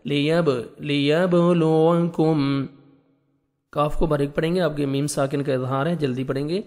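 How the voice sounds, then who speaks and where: Man, Quran recitation teacher, patient letter-by-letter explanations, slow melodic chanting, fairly high voice, long hall echo. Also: steady tone, a little mellow. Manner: patient, step-by-step letter instruction; drawn-out melodic recitation of verses. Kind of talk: tajweed lesson, slow recitation between explanations.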